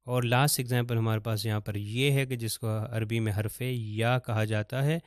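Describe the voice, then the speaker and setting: A man teaching Quran recitation step by step, patiently explaining letters and slowly chanting each example. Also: medium pitch, steady tone, no room sound, clean studio sound.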